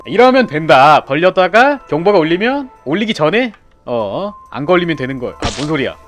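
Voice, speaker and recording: A man's voice: a little high, a little fast, music in the background. A young man commentating a horror game as he plays, chatting with teammates and yelping when startled. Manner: excitable, yelps and shouts when startled. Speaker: game streamer. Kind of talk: live gameplay commentary.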